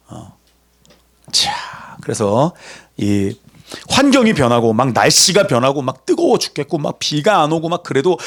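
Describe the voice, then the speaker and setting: A man preaching a sermon in a lively, conversational way, acting out voices as he goes. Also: fairly high pitch. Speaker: pastor.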